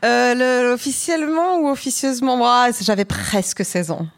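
A woman's voice: on the high side, expressive, normal speed, gravelly. Frank woman with a wry tone. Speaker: guest. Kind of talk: casual chat.

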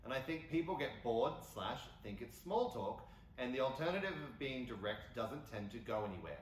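A man's voice: mid-range voice, big pitch swings, moderate pace, a little hiss or hum. A man with an Australian accent on a live convention panel, reading a listener's question aloud. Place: convention panel stage before an audience. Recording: echoey hall, off-mic, faint ambience.

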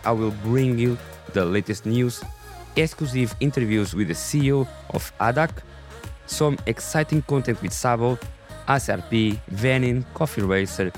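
A man with a raspy voice and non-native English, hosting a podcast in a scripted narration style. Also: on the low side. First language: not English. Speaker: podcast host.

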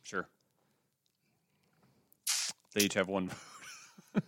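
A man's voice: low-pitched, drawn-out words, no room sound, studio quality. A man co-hosting a podcast, chatting casually and joking with friends. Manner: joking, relaxed banter with laughs. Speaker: podcast co-host. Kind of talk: casual chat.

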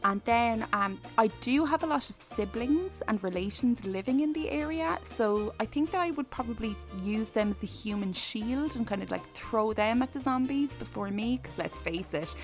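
A woman's voice: a little high, animated, normal speed, hardly any pauses, faint music behind. A woman co-hosting a podcast in casual comic chat, rambling and self-mocking, with some swearing. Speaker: podcast co-host.

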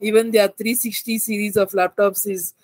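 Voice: medium pitch, flat delivery, moderate pace, dry recording. Give me a tech podcast co-host explaining specs, a bit hedging, in a dry room. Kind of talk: casual tech podcast chat.

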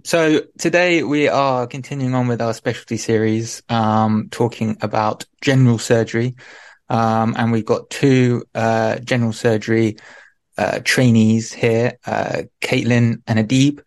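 A man's voice: mid-range voice, steady tone, a little slow, no echo. A man hosting a podcast in a conversational way, introducing topics and putting questions to guests. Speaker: podcast co-host, surgical trainee.

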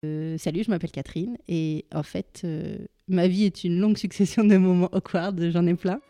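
Woman, casual storyteller, slangy and halting, mellow dry voice. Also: fairly low pitch, steady tone, no echo, faint music behind. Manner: chatty, halting, full of fillers and slang. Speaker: storyteller guest. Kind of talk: casual personal anecdote.

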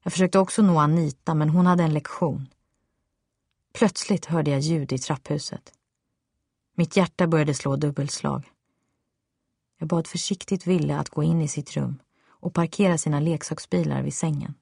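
A Swedish woman reads a first-person story aloud in a steady, tense manner. Her voice is low, and the recording is close and dry with no room sound. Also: creaky, long pauses, breathy edge, dry recording. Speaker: audiobook narrator. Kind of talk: first-person memoir narration.

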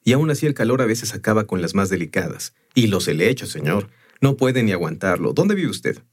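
A man's voice: fairly low pitch, very animated, fairly quick. A man voicing a proud, talkative middle-aged gravestone carver in an audiobook, earnest and matter-of-fact. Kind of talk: audiobook character voice.

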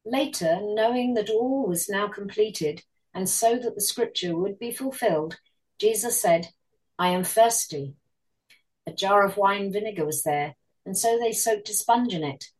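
A woman reading Bible passages aloud in a measured, clear way and citing each reference. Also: medium pitch, distant mic, low-quality recording. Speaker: scripture reader. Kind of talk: scripture reading.

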